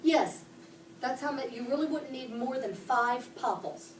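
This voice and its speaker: Her voice sitting high and her pace moderate, a Pittsburgh woman teaches a class, explaining step by step and asking the children questions. A distant camera across the echoey classroom records her, with background noise.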